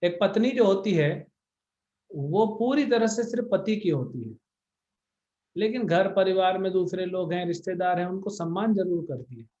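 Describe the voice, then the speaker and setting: A man's voice: sits high, moderate pace, warm tone, highs cut off. A man, a spiritual teacher, answering devotees' questions on a video call in a blunt, scolding way with English words mixed in. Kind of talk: devotional Q&A discourse.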